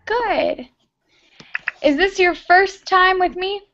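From her bedroom, a young woman with a Texan accent teaches a beginner English class on a video call through her laptop webcam. Her very high, slightly bright voice is slow, clear and encouraging; she repeats student answers and laughs often. The call audio is dull and lo-fi, with slight background noise.

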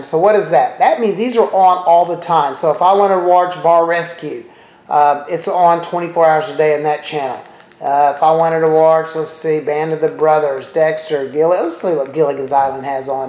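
In a fairly high, slightly mellow voice, a middle-aged man gives a relaxed tour of a TV streaming service to his viewers. He talks through his thoughts and adds chatty asides as he clicks, recorded with a spacious echo.

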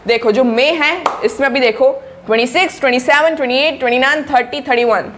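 A young woman with a somewhat high voice talks students through a study plan. She is chatty and encouraging, and keeps checking that her listeners are following along. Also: quick pace, fairly bright tone, a little hiss or hum. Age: young adult. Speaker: study-tips YouTuber for board exam students. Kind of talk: casual spoken study coaching to camera.

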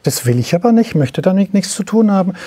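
Husky, mellow-voiced man. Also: high voice, sing-song, quick pace. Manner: acts out dialogues in quoted voices. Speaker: coach and interview guest. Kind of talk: relaxed conversational interview.

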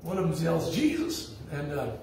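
A man's voice: high-pitched, normal speed, a little mellow, slight background noise. A man preaching a sermon as pastor, telling stories in a blunt, folksy way. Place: church sanctuary. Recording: echoey church hall from far off.

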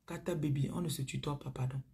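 A woman with a Cameroonian accent speaks in a deeply husky, breathy voice. She preaches to her viewers over a phone stream in a chatty way. Her voice often sinks into low murmurs and whispers. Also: fairly even intonation, fast, mellow. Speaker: spiritual coach on a live stream.

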